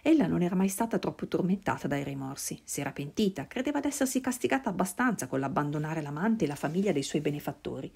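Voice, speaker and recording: A woman reading a literary novel aloud in a measured, solemn way. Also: deep voice, very animated, gravelly, darkish tone, breathy edge. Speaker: reader.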